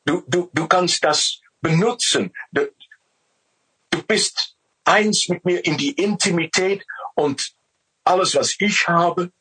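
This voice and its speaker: A man's voice: high-pitched, slow pace, long pauses, bright, forceful tone, breathy edge, pitched above the performer's own voice, full character voice, poor audio. A man voicing God in a sermon story, raised and emphatic as he proclaims his gifts. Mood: proclaiming. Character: almighty, loving God speaking to humankind.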